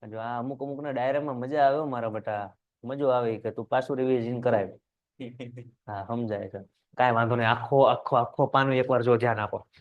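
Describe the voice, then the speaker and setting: A young man, teaching a poem in a live online class. He switches between loud emphasis and low asides and talks to viewers in the chat. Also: fairly even intonation, brisk, narrow, tinny audio. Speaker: English teacher.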